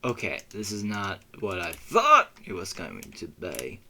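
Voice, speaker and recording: A young man drawls through a gameplay session at an unhurried pace, swearing and mocking himself with every fail. His voice sounds bright and edged, and faint keyboard typing clicks along underneath. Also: low voice, wildly swooping pitch, slight background noise. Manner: self-mocking, cursing, with frequent yelped exclamations. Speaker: gamer recording a let's play. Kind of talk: rambling gameplay commentary.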